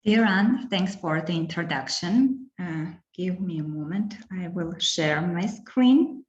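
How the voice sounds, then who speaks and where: A woman from Armenia, giving an academic talk in a careful, halting way with fillers. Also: lowish voice, animated, roomy sound, lo-fi sound, a little hiss or hum. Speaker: guest lecturer. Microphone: video call.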